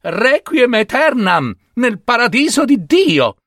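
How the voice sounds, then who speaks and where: A man's voice: extremely high pitch, very animated, slow, a bit bright, no room sound, studio quality, voice pushed up, exaggerated voice. A man voicing a foolish, naive young peasant who greets people in an eager, sing-song way.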